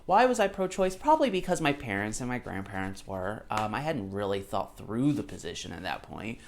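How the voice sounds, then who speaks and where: Alternating between reading passages aloud and responding on the fly, a gravelly-voiced commentator in his thirties talks a little fast in a lowish, sing-song tone. He's argumentative and emphatic, hammering points through repetition, with slight background noise in the recording.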